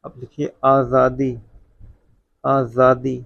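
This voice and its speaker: A man teaching a Hindi spelling lesson, dictating each word slowly and repeating it, calling his viewers friend. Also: medium pitch, monotone, vocal fry, no room sound. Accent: North Indian Hindi. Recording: dull, lo-fi sound.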